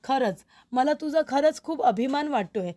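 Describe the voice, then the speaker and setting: A woman's voice: sits high, lively intonation, moderate pace, warm tone. A woman voicing a senior male lawyer in a retold TV serial, firm and approving, in her own voice. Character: man, proud senior lawyer.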